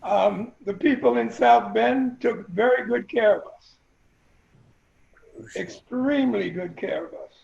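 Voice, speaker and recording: An older man with a high, heavily gravelly voice, reminiscing in a wry, joking way. His voice comes through a dull, lo-fi line that sounds echoey, as if from a bare room. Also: measured pace, a little mellow. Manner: wry, joking, addresses the group directly. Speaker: alumnus guest. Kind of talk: casual reminiscing.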